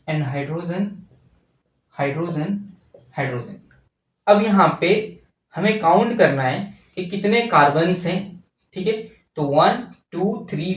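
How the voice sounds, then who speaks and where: A male teacher working through chemistry at the board in an unhurried way, putting questions to the class and then answering them himself. The voice sits back from the mic in a roomy, echoing space, and the recording sounds dull and lo-fi. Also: high-pitched. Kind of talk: chemistry lesson while writing on a board. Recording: distant, echoey, dull lo-fi.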